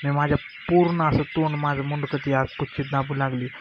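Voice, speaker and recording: Man narrating a story, flat delivery. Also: fairly high pitch. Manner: plain, unhurried retelling with quoted dialogue. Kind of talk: first-person story narration. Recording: lo-fi with clear background noise.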